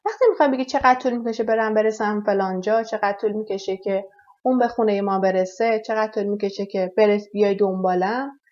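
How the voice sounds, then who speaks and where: A woman teaches everyday English questions. She says each model sentence slowly and carefully and gives her explanations at a brisk pace. Her voice sits at a middle pitch, and the recording sounds a little dull and lo-fi. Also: fairly even intonation, a little mellow. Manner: repeats English phrases slowly and clearly, explains quickly in Persian. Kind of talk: language lesson, slow model sentences.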